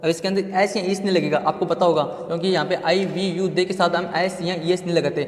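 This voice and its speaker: A man's voice: high voice, fairly even intonation, brisk. A man giving a step-by-step grammar lesson, repeating terms and asking himself questions. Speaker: grammar teacher. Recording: echoey room with long reverb.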